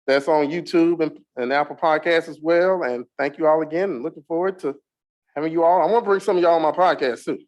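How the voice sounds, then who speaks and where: Higher-pitched man speaking casually to audience. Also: fast talker, a little mellow. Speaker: podcaster, panelist.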